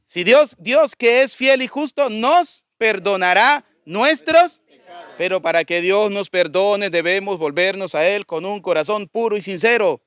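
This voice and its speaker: High-voiced priest preaching. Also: male voice, animated, a little slow, a bit bright, smooth, no echo. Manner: conversational, asks the congregation questions. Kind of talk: sermon.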